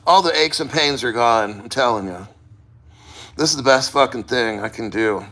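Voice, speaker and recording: A man's voice: mid-range voice, moderate pace, pushed and bright. A man talking casually in a first-person vlog, rambling and plain-spoken with frequent swearing. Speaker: vlogger. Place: sitting in a cold plunge.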